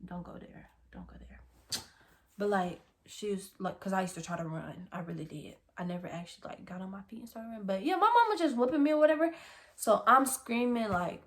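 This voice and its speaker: A young woman chatting straight to her viewers in a storytime vlog, her pitch sitting in an ordinary middle range. She talks casually and expressively, getting loud when the story heats up and dropping to near whispers for side comments. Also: fast talker. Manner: animated, swings from loud outbursts to hushed asides. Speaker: vlogger.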